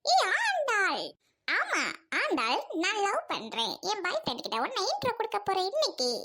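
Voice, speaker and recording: A woman doing a melodramatic girl in love, bossy, trichy tamil, super high and all over the place. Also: wildly swooping pitch, normal speed, bright, forceful tone, exaggerated voice. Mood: dramatic. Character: dramatic lovestruck young woman, Rottan. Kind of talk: comedy skit acting.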